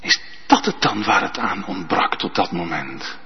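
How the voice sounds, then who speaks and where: A man preaching a sermon as pastor, slow and emphatic, often ending points with a tag question. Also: low voice, animated, breathy edge. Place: church. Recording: dull sound with long church reverb.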